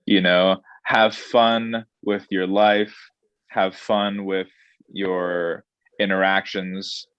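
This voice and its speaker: A restaurant director answering interview questions in a thoughtful, measured way, pausing with ums and restarting his phrases. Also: low-pitched, flat delivery, a bit bright, clear, resonant tone, no echo, muffled recording. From born in Saudi Arabia, grew up in Indonesia.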